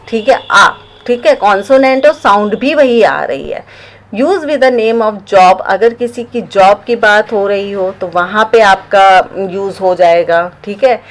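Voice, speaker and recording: A woman with an Indian accent leads a grammar lesson at a slow, deliberate pace. Her voice sits at a middle pitch, and she reads the English examples out very slowly, stopping often to check that her listeners understand. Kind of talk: classroom-style grammar lesson.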